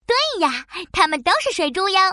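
A woman voicing a small, friendly, knowledgeable frog in a children's science cartoon, speaking in a frog voice punctuated with croaks and explaining things like a little teacher. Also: very high voice, big pitch swings, fairly quick, bright, forceful tone, dry recording, clean studio sound, heavily acted. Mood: proud, playful.

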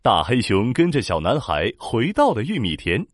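A man tells a children's story, his pitch leaping widely through every phrase. The sound is close and dry, with no room around it. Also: normal speed, no echo. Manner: animated, expressive.

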